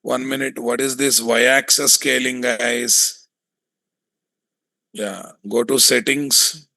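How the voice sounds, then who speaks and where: A man with a Telugu Indian accent giving a hands-on software tutorial, thinking aloud, repeating himself and often putting questions to his students. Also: mid-range voice, fairly even intonation, slow, creaky, dry recording. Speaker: software testing instructor.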